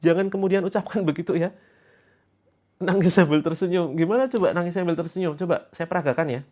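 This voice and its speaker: A man's voice: high-pitched, racing, a little mellow. Chatty, laughing man coaching a live stream. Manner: chatty, laughs often, reads out comments. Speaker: online self-help and therapy coach. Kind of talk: casual live-stream talk.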